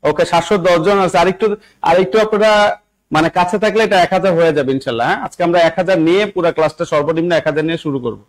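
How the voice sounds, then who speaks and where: A man's voice: on the high side, racing, low-quality recording. A young Bangladeshi man teaching an English spelling lesson to a live online class, repeating himself and checking often that everyone follows. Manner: repetitive, coaxing, keeps checking understanding. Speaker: English teacher for job exams.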